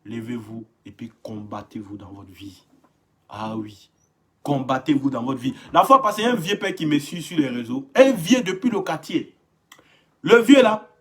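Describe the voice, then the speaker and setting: A man's voice: medium pitch, lively intonation, normal speed. A young man hosting a live stream, ranting casually with lots of repetition and mimicking his commenters.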